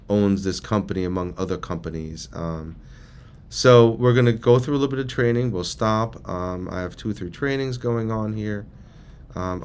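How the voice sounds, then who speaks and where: Male trainer, lowish clean voice, loose conversational delivery, informal presenting to a group. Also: clean tone. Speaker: trainer leading a security awareness session.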